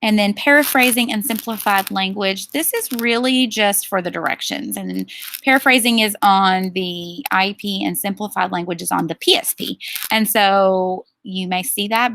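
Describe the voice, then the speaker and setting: A woman presenting a staff training session, explaining procedures in a steady way with frequent ums. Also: mid-range voice, normal speed, gravelly, slight background noise.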